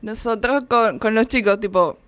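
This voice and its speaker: A woman's voice: fairly high pitch, moderate pace, fairly bright tone, no echo. A young woman guest in casual chat, telling rambling anecdotes full of fillers.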